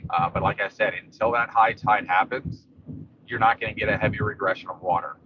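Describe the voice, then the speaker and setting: A man's voice: lowish voice, fairly quick. A man giving a casual, rambling, matter-of-fact live commentary while driving a car through rain. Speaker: local vlogger giving a storm update while driving. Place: inside a moving car in rain. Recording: dull lo-fi audio, steady car and rain noise.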